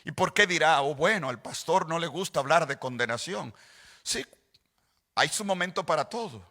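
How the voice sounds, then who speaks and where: A male pastor preaching a sermon, slow and deliberate, repeating phrases and rising to shouts on quoted scripture. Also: a little high, lively intonation, big-room sound. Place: large church hall.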